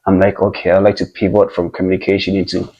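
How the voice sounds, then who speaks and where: Deep, flat-voiced man from Ghana. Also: muffled recording. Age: young adult. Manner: measured, reflective, with many hesitations. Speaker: guest. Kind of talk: casual interview conversation.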